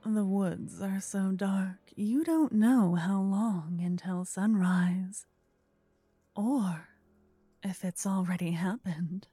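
Slow whispering woman narrator. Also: medium pitch, slightly rough, no room sound. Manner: soft whispered storytelling. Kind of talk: second-person ASMR story narration.

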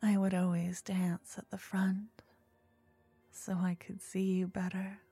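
A woman acts out an obsessive fantasy lover, tender and dangerously possessive. Her sultry ASMR role-play is very breathy and soft, with a mellow tone and an unhurried, soothing pace. The whole thing feels like an intimate audio drama spoken to one listener. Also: mid-range voice, little pitch movement, dry recording, soft background music. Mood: wistful, intimate.

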